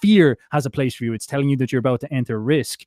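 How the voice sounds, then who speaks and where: A man's voice: mid-range voice, fast talker, dark tone, dry recording, studio quality. Rambling, musing male podcast host. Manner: rambling, musing, many fillers. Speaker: interview host. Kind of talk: casual interview talk.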